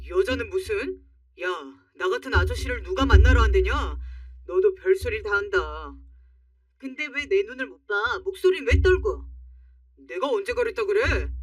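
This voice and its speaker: A woman's voice: fairly high pitch, expressive, normal speed, no room sound, distant mic. A woman voicing a stingy, dismissive middle-aged husband who talks curtly and defensively. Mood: scornful. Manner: curt, scornful and defensive.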